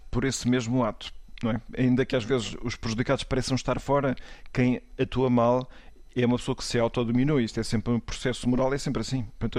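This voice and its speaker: Portuguese priest on a panel, careful and halting, dry close sound. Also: male voice, medium pitch, darkish tone, dry recording. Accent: European Portuguese. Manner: measured, hesitant, restarts often. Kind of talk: panel discussion.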